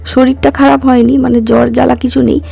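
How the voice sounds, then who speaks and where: A woman in her thirties, hoarse from a cough, chatting casually as a vlogger and walking viewers through each step. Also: high-pitched, level tone, a little fast, warm tone, soft background music. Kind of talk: casual vlog narration.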